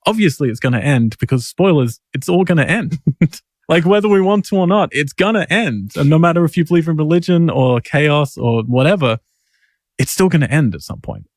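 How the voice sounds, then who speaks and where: A filmmaker guest speaking in an interview, musing with passion about grief and endings. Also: male voice, a little high, dry recording, studio quality. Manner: rapid, passionate, animated musing.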